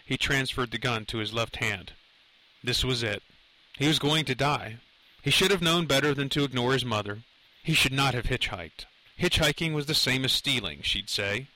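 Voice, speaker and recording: A man reading a thriller aloud with a crisp, bright tone and tense drive. His delivery is dramatic, often jumping upward in pitch on tense moments. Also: rough recording. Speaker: narrator. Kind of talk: audiobook narration of a thriller.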